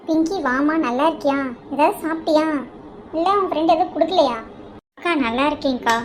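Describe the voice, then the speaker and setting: A young woman with a bright, high voice reads all the parts of an animated story herself. She moves between sisters and friends who bicker and scold one another. A faint hiss sits under the recording. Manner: bickering, scolding family squabble. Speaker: voice artist for all characters. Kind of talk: cartoon dialogue voicing a whole cast.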